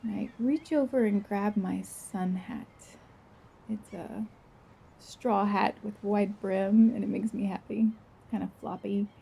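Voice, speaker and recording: Her steady, mid-range voice is soft and breathy as she narrates a guided visualization in the first person. The woman's delivery is gentle and dreamy, with long, unhurried pauses.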